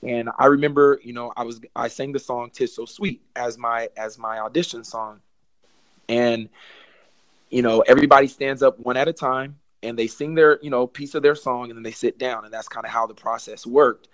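A man's voice: medium pitch, steady tone, moderate pace, no room sound. Young male podcast guest, earnest and preachy, mid-range voice, dry recording. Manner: earnest, preachy, addresses listeners as y'all. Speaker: podcast guest, gospel artist. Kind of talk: casual testimony chat.

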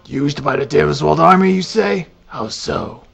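A man voicing a gruff, blunt male demon warrior, reading video game dialogue in a stern, deliberate way. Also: on the high side, a bit bright, faint music behind, heavily acted. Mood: suspicious.

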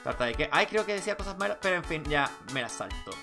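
Female gamer, low-pitched and animated, casual commentary and dialogue reading over game music. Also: quick pace, vocal fry. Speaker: game player doing a dubbed playthrough. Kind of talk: casual playthrough with read-out dialogue.

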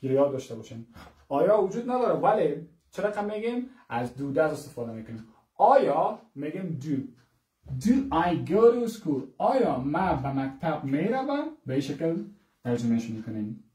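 A man teaching English grammar, repeating example sentences slowly and asking the class rhetorical questions. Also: a little high, very animated, warm tone, echoey room, recorded from a distance. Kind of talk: grammar lesson.

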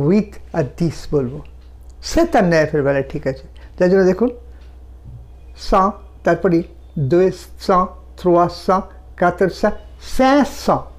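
A woman teaching French numbers, counting them out slowly one by one and explaining pronunciation step by step. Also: on the low side, a little mellow. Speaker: language teacher. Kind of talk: slow, deliberate language lesson.

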